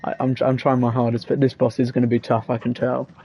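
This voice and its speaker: A man's voice: medium pitch, monotone, quick pace. A man, live-streaming a game and chatting casually, rambling as he reads out chat messages. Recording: slightly dull lo-fi mic with faint game music.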